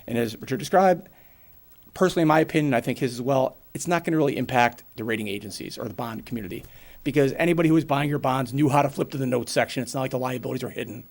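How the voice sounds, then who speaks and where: A gravelly, mid-range voice belongs to a man in his forties with a New England accent who is presenting finances at a public town board meeting. He's brisk and plainspoken, using everyday examples to explain things.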